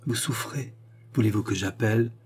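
A man's voice: medium pitch, brisk, dark tone, husky, close to an everyday voice. A man reading an audiobook, voicing a proud, imperious young queen who speaks with haughty command. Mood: urgent. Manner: haughty, cold then commanding.

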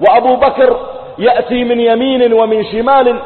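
High-voiced preacher in an echoey hall. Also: male voice, little pitch movement, fairly quick. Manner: vivid retelling with acted dialogue. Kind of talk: sermon storytelling. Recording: tinny phone-like sound in an echoey hall.

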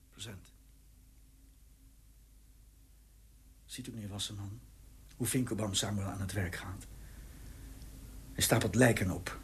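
An actor playing a secretive, mocking recluse. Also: male voice, medium pitch, slight background noise, lightly acted. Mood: scornful. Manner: swings between mocking and frantic whispers. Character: secretive, agitated man hiding at home. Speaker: lead character. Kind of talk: radio drama acting.

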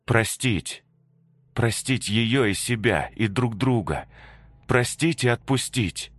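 A man's voice: medium pitch, slow, a bit bright, no echo, pitched above the performer's own voice. A man voicing a determined young woman who acts as a fierce protective mother to ghost children, pleading and commanding by turns, read in a dry, close recording. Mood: urgent, commanding.

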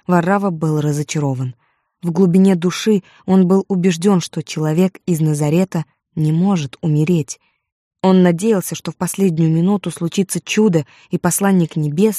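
A woman reading a novel aloud as an audiobook narrator, in a measured, dramatic manner, in a studio. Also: lowish voice, warm tone, no echo. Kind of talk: scripted literary narration. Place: recording studio.

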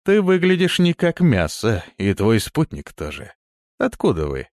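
A man voicing a swaggering, brutish deputy sheriff who talks down to newcomers in a loud, leering way. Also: mid-range voice, wildly swooping pitch, measured pace, dry recording, studio quality, pitched above the performer's own voice.

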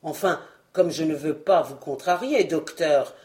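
A woman reading an audiobook, voicing a big, clumsy, good-natured strongman in a lowered voice. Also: measured pace, darkish tone. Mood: easygoing.

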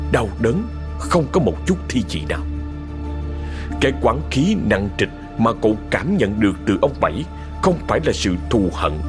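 A man narrating a sad ghost story in a slow, dramatic storytelling manner. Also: mid-range voice. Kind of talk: scripted horror story narration. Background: music.

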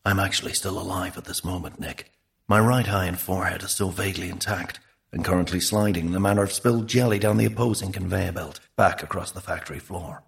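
Deep gravelly voice, guy playing a melted-down man explaining stuff calmly, matter of fact. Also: fast talker. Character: half-destroyed man, calm and explanatory.

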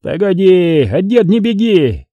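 A man's voice: high voice, moderate pace, no echo, dull audio, voice pushed up. A man voicing an eager, talkative monk. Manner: lively, eager. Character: excitable talkative male monk.

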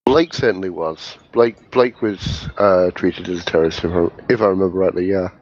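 A man on a casual podcast chat, correcting others quickly and emphatically. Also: deep voice, a little mellow. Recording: slightly muffled lo-fi audio.

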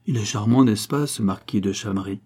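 A man's voice: fairly low pitch, moderate pace, a little mellow, husky. A man voicing a jealous, mocking young Spanish nobleman in a cold, sneering manner.

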